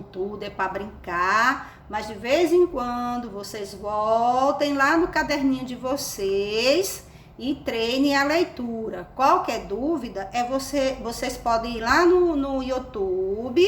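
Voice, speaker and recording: A woman's voice: fairly high pitch, roomy sound, slight background noise. A Brazilian woman who teaches reading to young children, giving a phonics lesson and speaking affectionately as she sounds out syllables one at a time. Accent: Brazilian Portuguese.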